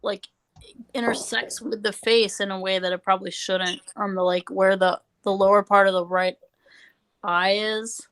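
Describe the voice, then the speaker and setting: A woman's voice: medium pitch, fairly even intonation, moderate pace, a bit bright, smooth, poor audio. A woman, a tattoo artist, giving frank, casual critique and swearing now and then in a group chat.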